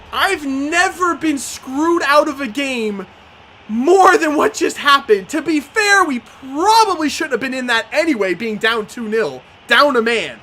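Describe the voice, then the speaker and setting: A woman commenting on her own video game match, excitable and swearing freely, shouting at big plays. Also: sits high. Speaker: gaming commentator.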